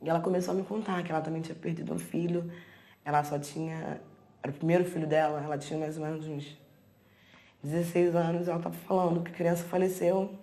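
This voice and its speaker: Young woman, documentary testimony, a fry in the voice, repeats herself as she recounts. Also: lowish voice, flat delivery, quick pace, dark tone. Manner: recounting with repeated words and acted-out quotes. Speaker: interviewee.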